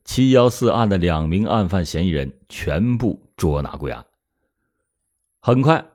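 A man's voice: on the low side, darkish tone. Dramatic male true-crime storyteller. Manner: dramatic, emphatic narration. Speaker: storyteller and host.

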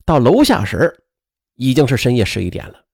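Lively male true-crime storyteller. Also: mid-range voice, normal speed, vocal fry, slightly rough, no echo, clean studio sound. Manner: lively, with many fillers.

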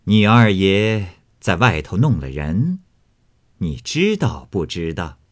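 A man's voice: low voice, sing-song, takes it slowly, exaggerated voice. Xifeng, a man voicing a sneering noblewoman. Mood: cold. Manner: cold scornful sneering, scolding in outbursts. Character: sharp domineering young noblewoman, mistress of the house.

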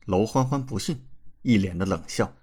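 A man narrating a web novel audiobook in an expressive storytelling manner. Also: on the low side, moderate pace, slightly rough.

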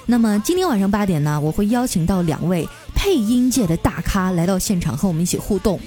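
A woman podcast host telling comic stories in a lively, playful way. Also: medium pitch, soft background music. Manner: lively, playful with frequent drawn-out particles. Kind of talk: comic storytelling.

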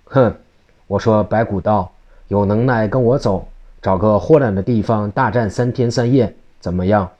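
A man's voice: on the low side, steady tone, normal speed, highs cut off, lightly acted. Man doing a taunting mad old monk. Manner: taunting, rowdy shouts.

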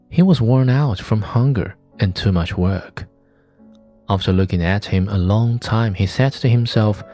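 A man calmly reading a classic storybook aloud as narrator. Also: on the low side.

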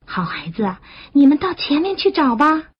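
A woman voicing a kind, gentle mother duck in a children's story who speaks affectionately. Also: high-pitched, big pitch swings, moderate pace, lo-fi sound, pitched above the performer's own voice.

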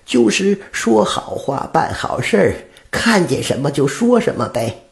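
A man voicing a pious, self-righteous old beggar woman with a slow whining drawl. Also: high voice, very animated, gravelly, voice pushed up, exaggerated voice. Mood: whiny.

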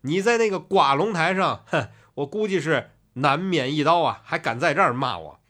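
A man voicing a calm male fortune teller who speaks coolly and lectures. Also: a little high, voice pushed up. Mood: sneering. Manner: cool, unhurried, lecturing.

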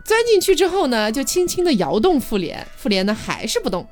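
A woman casually retelling a story, chatty and quick to laugh, with faint music behind. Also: on the high side, big pitch swings. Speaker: storyteller host.

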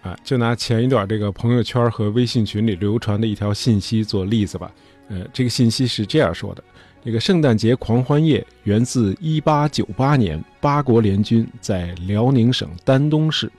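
A man's voice: medium pitch, normal speed, a little mellow, soft background music. A man hosting a history show, telling events in a chatty, casual way with many fillers.

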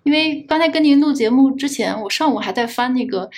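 边想边问的女主持人. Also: female voice, high-pitched, lively intonation, fairly quick. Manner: hedging, many fillers as she frames questions. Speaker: interviewer host. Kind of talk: interview questions.

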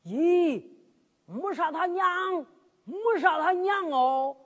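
A woman voicing a cheerful old male fisherman in a drum-ballad story, exclaiming loudly. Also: very high voice, animated, slow pace, long reverb tail, pitched above the performer's own voice, exaggerated voice. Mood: excited.

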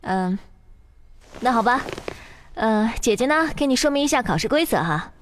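A woman's voice: fairly high pitch, lively intonation, moderate pace, slight background noise, lightly acted. A woman voicing a sadistic female lab examiner who coaxes like a big sister, then shrieks orders, in an audio drama with faint music. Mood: coaxing. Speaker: examiner Teacher Zhou.

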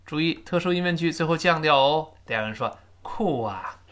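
A teacher giving a spoken English lesson, explaining in Chinese and repeating each phrase slowly for learners to copy. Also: medium pitch, animated, a bit bright. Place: lives abroad, teaching remotely.

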